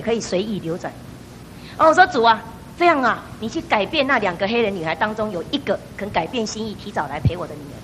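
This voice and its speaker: A middle-aged woman gives a church testimony at a quick clip, with a bright, sharp tone. She tells her story with animated storytelling, slipping into the voices of the people she quotes, over a faint low rumble. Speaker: church member giving testimony. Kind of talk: personal testimony.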